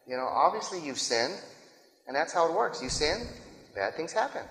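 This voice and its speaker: A brash, slangy male friend, flippant and pushy as he demands a confession, put on by a preacher. The voice sits a little higher than the speaker's usual talk. It rings out in a roomy hall with a long reverb tail. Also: big pitch swings, moderate pace, a bit bright.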